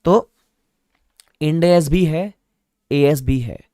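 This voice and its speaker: A man's voice: on the high side, animated, normal speed, dry recording. Man, online class teacher, playful, repeats key points, dry close mic. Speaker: online exam-prep teacher. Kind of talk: lively classroom lecture.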